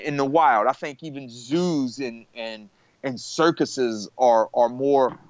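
A man's voice: mid-range voice, slow, no room sound, highs cut off. A man talking casually on a podcast, rambling with many restarts and fillers. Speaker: podcast guest. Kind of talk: casual conversation.

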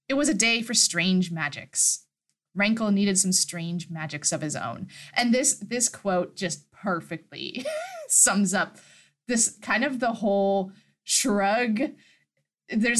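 A female podcast co-host reads and recaps a story in casual chat, tossing in amused, chatty asides. Her voice is mid-range and a bit bright.

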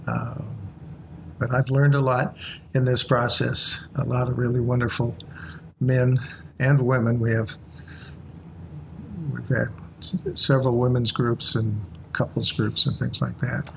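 A man's voice: mid-range voice, flat delivery, a little slow, vocal fry, pauses often, a little hiss or hum. An older man, a retiring church leader, talking in a reflective, hesitant way in conversation.

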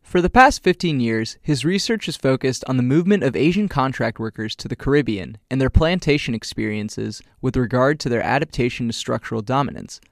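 A man hosting a podcast, reading a prepared script in an even, steady way. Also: mid-range voice, fairly quick, few pauses, no echo, clean studio sound. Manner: reads a prepared script evenly. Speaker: podcast host. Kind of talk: scripted narration.

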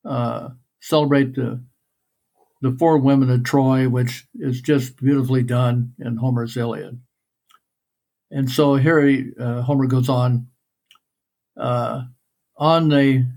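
A man's voice: mid-range voice, a little mellow. A man in a casual discussion who reads passages of an ancient epic aloud, hesitating often between phrases. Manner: halting, many fillers, reads quoted verse slowly. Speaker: guest discussing an epic poem. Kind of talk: reading passages aloud within casual conversation.

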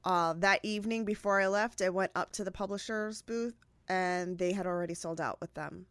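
A woman's voice: medium pitch, normal speed, a bit bright, clear, resonant tone, no room sound. A woman from New York and Puerto Rico, co-hosting a podcast and chatting in a self-deprecating way. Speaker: podcast co-host. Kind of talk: casual chat.

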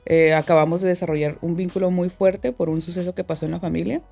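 Low, gravelly Mexican woman, slangy. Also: fast, mellow, soft background music. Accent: Mexican Spanish. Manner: slangy, trails off with "pues, ¿no?". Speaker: guest, tattoo artist. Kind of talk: casual chat.

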